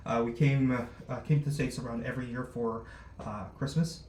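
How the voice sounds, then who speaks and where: Recorded in an echoey room with a faint background noise, a startup founder gives interview answers in a steady, darkish, mid-range voice. He was born in Luxembourg but grew up abroad, and his speech stalls often, with many fillers and false starts.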